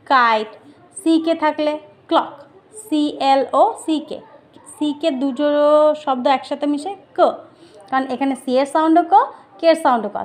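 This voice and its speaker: A woman teaching phonics, who explains patiently and spells words out letter by letter. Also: sits high. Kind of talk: phonics lesson for parents.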